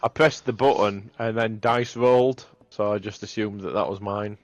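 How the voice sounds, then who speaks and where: A man playing in an online tabletop game, chatting casually in a flat, stammering way. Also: on the low side, normal speed, dry recording. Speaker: player. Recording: dull lo-fi mic.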